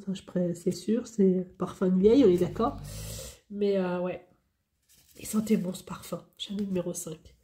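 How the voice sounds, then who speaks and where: Woman vlogger, casual tag-video chat, candid and rambling, relaxed mellow tone. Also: medium pitch. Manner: candid, rambling, repeats herself. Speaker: hobby vlogger.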